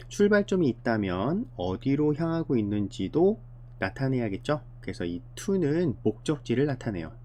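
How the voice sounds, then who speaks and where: A male schoolteacher who walks through a lesson at an unhurried pace. His pitch moves a lot as he explains things patiently, step by step, and repeats example phrases slowly for young learners. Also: mellow. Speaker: elementary school English teacher.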